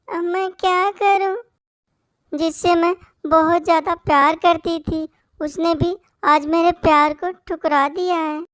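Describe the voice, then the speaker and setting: A woman's voice: very high-pitched, fairly even intonation, slow, fairly bright tone, dry recording, studio quality. A woman voicing a sad, sweet young female sparrow in a cartoon. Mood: tearful. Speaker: voice actor for a cartoon story.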